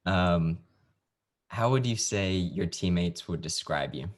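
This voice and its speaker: A man's voice: sits low, slow. A male podcast host with an easygoing, jokey manner, interviewing a guest over a video call.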